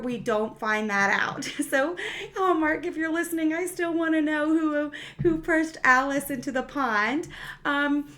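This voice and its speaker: A woman's voice: sits high, a bit bright. A woman giving a casual spoken review of a TV episode, chatty, with many fillers and restarts, acting out characters' lines as she goes.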